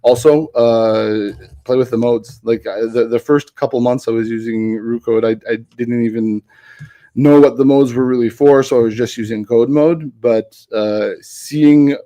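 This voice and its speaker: Steady and mellow in a mid-range voice, a guest developer talks on a casual tech show. He meanders, self-corrects by restarting sentences, and breaks into laughter easily.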